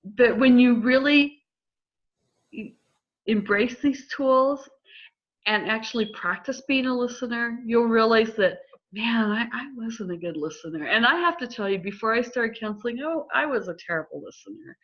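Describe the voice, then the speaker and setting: A middle-aged woman counselor explaining listening skills in a calm, measured way during a conversation. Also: a little high. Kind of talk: instructive conversation. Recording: slightly dull lo-fi audio.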